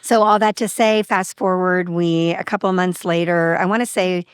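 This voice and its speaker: A woman's voice: on the low side, normal speed, clear, resonant tone, dry recording, studio quality. A woman guest on a podcast telling a personal story in a casual, open way, acting out what people said. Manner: open, animated, acts out quoted dialogue.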